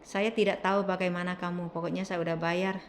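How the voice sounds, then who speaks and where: A woman's voice: fairly low pitch, level tone, brisk, slight background noise, lightly acted. A woman quoting her exasperated husband as he scolds her for refusing treatment. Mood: scolding. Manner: scolding, frustrated. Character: exasperated husband scolding his stubborn wife.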